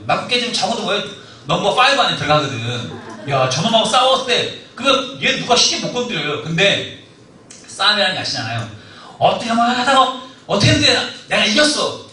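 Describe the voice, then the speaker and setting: A man's voice: high voice, far from the mic, a little hiss or hum. A man preaching a sermon in a church hall, telling stories and acting out the quoted lines. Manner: animated storytelling, acts out quoted lines. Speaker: preacher at a discipleship school. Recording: echoey hall, mic from afar.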